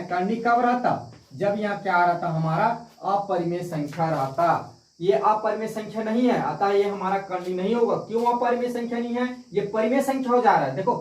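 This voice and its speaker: A man teaching a math lesson, asking the class questions and answering them himself, repeating key points. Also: high-pitched. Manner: repetitive, asks and answers own questions. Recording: echoey room, distant mic.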